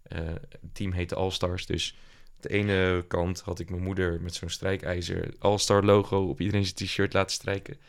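Low gravelly-voiced man, halting. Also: little pitch movement. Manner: hesitant, many fillers and restarts. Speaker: entrepreneur guest. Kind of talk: casual interview talk.

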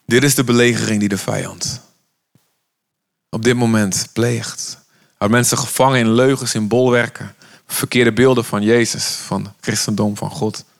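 A man's voice: mid-range voice, steady tone, normal speed, vocal fry. A man from the Netherlands preaching an urgent, impassioned sermon, sometimes voicing the words of Jesus.

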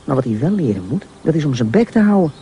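A man voicing a calm, patient middle-aged father who explains things to his son. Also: on the high side, fast, breathy edge, heavily acted. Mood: explaining.

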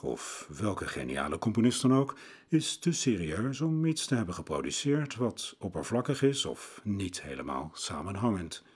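Husky-voiced man narrating with lively intonation. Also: on the low side. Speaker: podcast presenter on music. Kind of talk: scripted narration.

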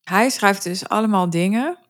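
A woman's voice: medium pitch, moderate pace, no room sound, clean studio sound. A woman co-hosting a podcast, chatty and inquisitive, retelling what she read. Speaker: podcast co-host. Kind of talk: casual podcast conversation.

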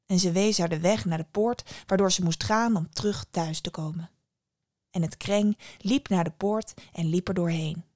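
A woman podcast host narrating a fairy tale in a calm, expressive way. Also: on the low side, normal speed, dry recording, studio quality.

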